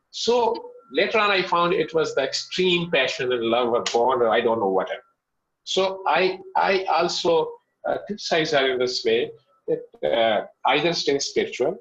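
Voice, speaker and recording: A middle-aged man with a Pakistani accent telling a personal story as an interview guest, in halting phrases with repetitions. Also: a little high, a bit bright, muffled recording.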